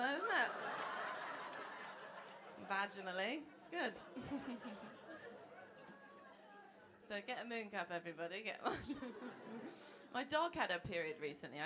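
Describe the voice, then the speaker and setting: On a comedy club stage, a woman in her thirties performs a chatty, self-mocking stand-up set, laughing through her own jokes. Her mid-range voice is expressive and moves at a moderate pace, and the live club recording is noisy.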